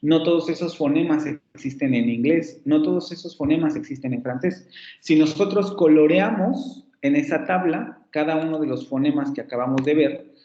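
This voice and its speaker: A male phonetics professor with a Mexican Spanish accent, teaching an online class and explaining step by step, repeating example words slowly. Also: fairly high pitch, warm tone. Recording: echoey, muffled lo-fi class recording.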